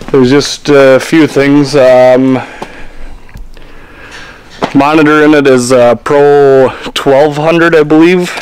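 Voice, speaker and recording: A man's voice: medium pitch, a little hiss or hum, low-quality recording. A young man on his farm, talking easygoing into a camera he holds at arm's length, thinking aloud with fillers. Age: young adult. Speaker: farm vlogger. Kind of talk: casual vlog narration. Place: tractor cab, outdoors on farm and machine shed.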